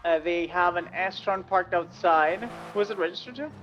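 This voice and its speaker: A man playing a police officer, giving orders and callouts over a walkie talkie radio, halting, with many fillers and restarts. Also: sits high, a bit bright, soft background music. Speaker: police officer leading a pursuit. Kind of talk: roleplay radio traffic. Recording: muffled lo-fi radio with hiss.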